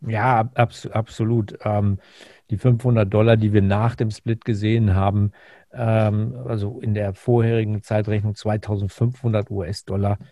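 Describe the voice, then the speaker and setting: Mellow, low-voiced man speaking haltingly. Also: flat delivery, no room sound, clean studio sound. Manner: halting, repeats words while thinking. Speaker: finance podcast co-host. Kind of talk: conversational market commentary.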